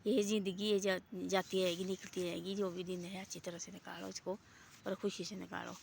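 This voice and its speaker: A woman's voice: fairly low pitch, flat delivery, normal speed, creaky, a little hiss or hum. A woman telling a moral story in a casual, rambling way, with folksy asides and lots of repetition.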